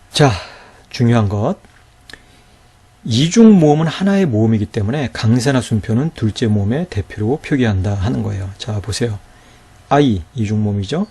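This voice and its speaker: A man giving a recorded grammar lecture in a mellow, slightly husky voice. He walks his listeners through each point patiently and keeps checking that they are following. Now and then he slows down to sound out syllables one by one. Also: mid-range voice. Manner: patient, explains step by step and checks with rhetorical questions; sounds out syllables slowly and distinctly. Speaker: Greek grammar teacher.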